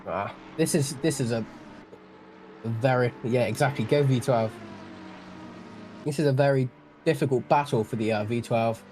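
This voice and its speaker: A young man with a Welsh accent talks casually through a live stream of a sim race, rambling and often restarting his sentences. His voice sits at a middle pitch. Clear engine noise runs under it. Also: moderate pace, long pauses, a little mellow. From Wales. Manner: chatty and self-deprecating, often restarting sentences. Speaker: sim racing stream commentator.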